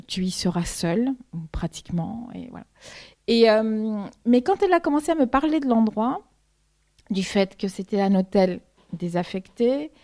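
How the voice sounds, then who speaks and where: A woman's voice: mid-range voice, warm tone. A woman author from Argentina, a native Spanish speaker, answering questions at a bookshop talk with many restarts and repeated words.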